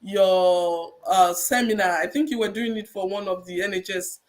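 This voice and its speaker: On a podcast interview, a Nigerian-accented registered nurse offers calm, supportive advice and goes over her key points more than once. Her voice is medium-pitched and a little mellow.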